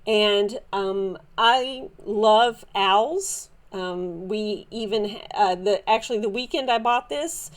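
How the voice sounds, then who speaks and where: A woman with a Southern drawl talks through her latest finds in a relaxed, chatty way. She wanders off on tangents, restarts her sentences and fills the gaps with "um" and "uh." Her voice sits at an ordinary middle pitch. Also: slow pace, hardly any pauses. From Southern United States. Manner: chatty, meandering, many fillers and restarts. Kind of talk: casual show-and-tell haul.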